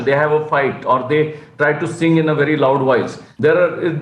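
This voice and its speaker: A man's voice: a little high, echoey room, poor audio. A man with an Indian English accent giving an online medical lecture, explaining as he goes with many fillers and restarts. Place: at home or in an office on a video call.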